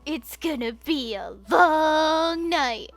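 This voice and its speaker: A woman's voice: sits high, very slow, no echo, soft background music, voice pushed up, full character voice. A woman playing a frazzled male director. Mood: exasperated. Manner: frazzled, scolding. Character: high-strung male director, exasperated.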